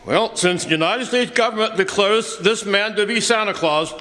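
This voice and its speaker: A man's voice: high voice, normal speed, pushed and bright. A man playing an exasperated, commanding judge in a stage radio drama. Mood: official, exasperated. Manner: commanding, formal. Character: brisk, exasperated male judge. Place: college campus stage performance in a hall. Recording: echoey hall with clear noise.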